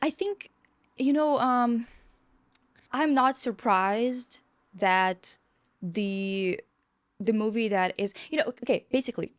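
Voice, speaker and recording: Blunt lady from russia on a podcast, kinda high voice, dry close mic. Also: dry recording. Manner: blunt, fast, swears freely. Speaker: podcast co-host. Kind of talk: casual podcast chat.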